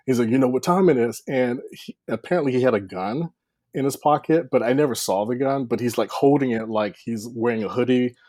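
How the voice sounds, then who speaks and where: Man, mid-pitch, rambling storyteller, lots of fillers and restarts, dry close sound. Podcast guest. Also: a little fast, a little mellow, no room sound. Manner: rambling, frequent fillers and restarts, laughs often. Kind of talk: casual storytelling chat.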